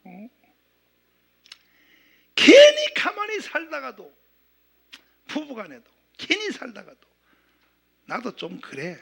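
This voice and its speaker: Male pastor from southeastern Korea, middle-aged, high gravelly voice, animated sermon delivery. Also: slow, pauses often. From Gyeongsang region, South Korea. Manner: animated, acts out quoted voices, calls for amens.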